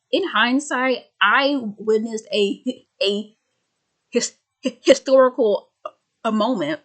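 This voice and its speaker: Woman, mid-twenties, casual vlog rant, stammering, sardonic, unhurried delivery. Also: mid-range voice, fairly bright tone. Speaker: vlogger.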